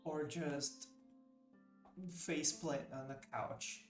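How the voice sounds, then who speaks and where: Slow-paced man game master, roomy sound. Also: on the high side, steady tone. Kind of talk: narrating a tabletop game. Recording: roomy, distant microphone, music behind.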